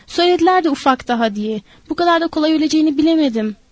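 A woman reads as a hulking but childlike man, timid and sorrowful, his voice pitched high and plaintive. He speaks in halting, simple phrases, as in a storybook audiobook, with a close, dry sound and no room around it. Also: expressive, darkish tone, dry recording. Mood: mournful. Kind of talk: audiobook character voice.

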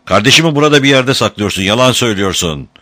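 A man's voice: lowish voice, very animated, fast talker, pitched above the performer's own voice. A man voicing a furious young swordsman. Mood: desperate. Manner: shouting, urgent threats.

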